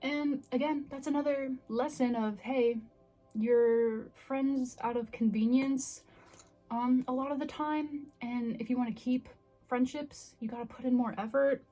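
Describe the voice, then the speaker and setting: A woman's voice: sits high, steady tone, measured pace, warm tone, faint music behind. A woman in her twenties chatting casually and candidly to the camera in a self-reflective, confessional way. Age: 20s. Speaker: vlogger.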